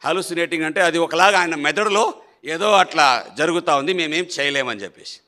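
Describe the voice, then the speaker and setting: A man in his fifties giving a personal conversion testimony in a prayer hall, emphatic, his voice swinging between loud outbursts and low asides. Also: a little fast. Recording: echoey hall.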